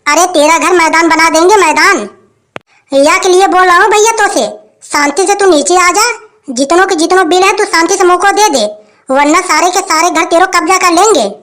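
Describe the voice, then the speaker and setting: A woman's voice: very high-pitched, moderate pace, a bit bright. A woman playing a bossy village electricity inspector who makes threats.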